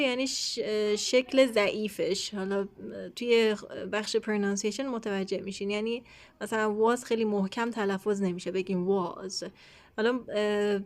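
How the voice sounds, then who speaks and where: A woman teacher with a Persian accent walking through an English textbook lesson, pausing often with fillers and reading the English text slowly and carefully. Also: a little high.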